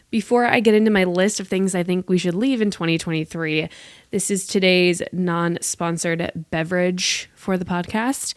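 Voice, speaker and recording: Hosting a casual podcast alone, an American woman in her late twenties talks in a rambling, self-deprecating manner packed with "like" fillers. Her voice is lowish, and the recording is dry with clean studio sound.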